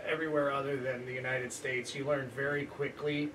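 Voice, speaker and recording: A man's voice: mid-range voice, level tone, brisk, a bit bright, distant mic, a little hiss or hum. A man hosting a podcast, chatting casually about sports in a rambling way with frequent restarts and laughter. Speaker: podcast host.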